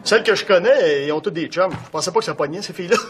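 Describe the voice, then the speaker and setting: A cocky young bachelor with a Quebec French accent, played by a man, his voice pitched quite high. He keeps up playful, boastful banter, with loud noise in the recording. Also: fast talker, lightly acted. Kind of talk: sitcom acting.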